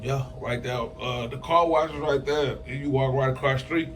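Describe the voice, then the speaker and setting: A man in casual chat, telling loose stories full of slang and getting loud when he is excited. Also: mid-range voice, normal speed, noisy background.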